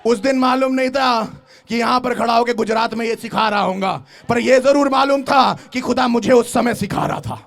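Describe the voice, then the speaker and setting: A man preaching a sermon at a large gathering, swinging between shouted exhortation and quiet storytelling. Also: very high-pitched, steady tone, moderate pace, vocal fry. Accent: South Indian. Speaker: pastor.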